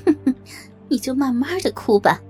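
A woman's voice: a little high, animated, measured pace, mellow, faint music behind. A woman voicing a cruel, scornful female tormentor in an audio story, speaking in a sneering, contemptuous way.

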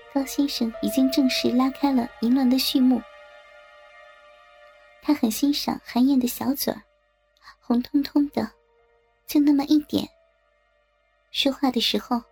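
A woman narrating an erotic story in a soft, slow, intimate reading voice. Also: high-pitched, vocal fry, breathy edge. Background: faint music.

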